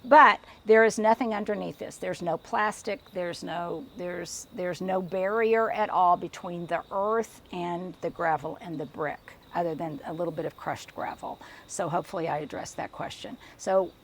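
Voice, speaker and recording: A woman's voice: on the low side, fairly even intonation, normal speed, few pauses, a little hiss or hum. An older woman giving a casual tour of her backyard garden, chatty and a little out of breath, with frequent restarts as she talks outdoors. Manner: chatty, digressive, restarts often. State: slightly out of breath. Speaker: garden vlogger.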